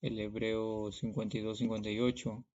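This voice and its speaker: A Peruvian man with a low, slightly mellow voice preaches at a moderate pace in a flat delivery. He reads Bible verses and explains them in a didactic manner, often checking in with short tags like "okay" and "right." The recording sounds dull and lo-fi.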